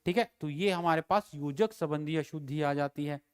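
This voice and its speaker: A man with a Himachali Hindi accent teaches a grammar class for exam candidates. His voice sits high and rings clean and resonant. He works through example sentences methodically, saying each one slowly before giving the fix. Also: clean tone. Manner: repeats each example sentence slowly, then gives the corrected version. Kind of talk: exam-prep grammar lecture.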